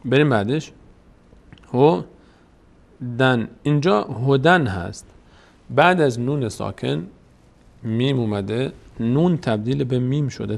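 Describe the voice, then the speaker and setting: Male recitation teacher, patient and repetitive, gravelly mid-range voice, stretches verses out slowly to show how they are read. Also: medium pitch, a little mellow. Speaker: Quran reading teacher. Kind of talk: step-by-step recitation lesson.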